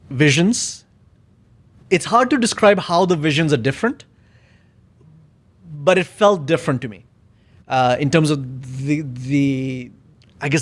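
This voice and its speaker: Reflective man, slightly high voice. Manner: reflective, searching for words, many fillers. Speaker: podcast guest. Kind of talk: casual conversation.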